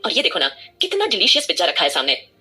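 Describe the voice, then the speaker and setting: A woman's voice: on the low side, wildly swooping pitch, fast, pushed and bright, husky, exaggerated voice. A woman voicing a cheeky young woman who teases her friend playfully in an audio drama. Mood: teasing. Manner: teasing, playful.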